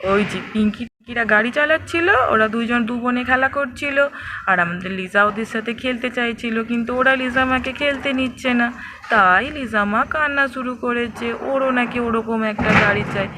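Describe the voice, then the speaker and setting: A man's voice: very high voice, normal speed, background noise. A man voicing a sleepy father doll who complains about being woken with water. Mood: grumbling. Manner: aggrieved, whiny complaining. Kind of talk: doll story voice acting.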